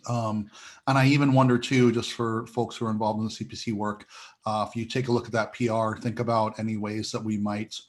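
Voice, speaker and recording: Halting man with a flat voice. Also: fairly low pitch. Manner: hesitant, many fillers and restarts. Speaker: committee member. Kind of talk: online meeting update.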